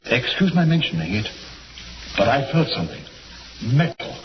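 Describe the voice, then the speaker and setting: A man acting a suspicious, dryly sardonic gentleman doctor in a 1940s radio drama, with formal, pointedly polite phrasing. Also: mid-range voice, big pitch swings, moderate pace, lightly acted. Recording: very noisy, distant, muffled radio recording.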